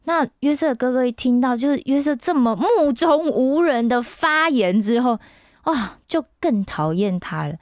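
A woman narrates a youth Bible story with lots of bounce, pulling listeners in with constant questions. Her voice sits on the higher side. The recording is close and dry, with no room around it. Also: normal speed, no echo. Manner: animated, keeps asking listeners questions. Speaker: radio storyteller.

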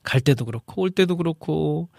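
A man's voice: animated, brisk, gravelly, a little mellow, dry recording. Chatty middle-aged man hosting, dry close sound. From North Jeolla, South Korea. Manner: chatty and friendly, jumps up in pitch when reading out comments. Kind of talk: casual live show chat, reading listener messages.

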